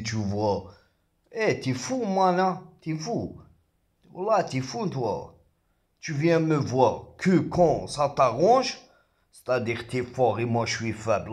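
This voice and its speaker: A man who raps, delivering an agitated, confrontational rant straight at the camera, halting and repeating words, then pushing his voice up sharply when heated. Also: mid-range voice. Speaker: rapper. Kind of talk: ranting monologue to camera.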